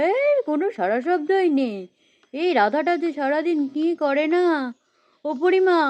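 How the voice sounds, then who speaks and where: A woman doing a calm, unbothered village husband. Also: high-pitched, natural voice. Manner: calm, dismissive, reassuring. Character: easygoing village husband, middle-aged man. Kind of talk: doll play storytelling.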